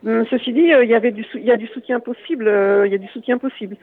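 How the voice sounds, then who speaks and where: A man from Lyon speaking as a guest on a radio show over a phone line, halting and full of fillers. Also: very high-pitched, fairly even intonation. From Lyon area, France. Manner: hesitant, halting, many fillers and restarts. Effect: heard over a phone line.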